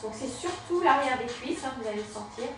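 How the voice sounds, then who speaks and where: A woman's voice: high-pitched, animated, brisk, fairly bright tone, distant mic. A woman teaching a Pilates class, cueing breathing and each movement step by step in an encouraging way. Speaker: Pilates and yoga instructor. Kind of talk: guided exercise class instruction. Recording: very echoey room, voice from afar, faint music.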